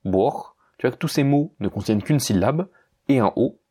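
A man's voice: mid-range voice, animated, brisk, dark tone, breathy edge. A man teaching a language lesson, explaining patiently and often rephrasing as he goes.

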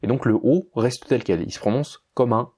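A man's voice: medium pitch, normal speed, darkish tone, breathy edge. A man teaching a language lesson, explaining patiently and often rephrasing as he goes.

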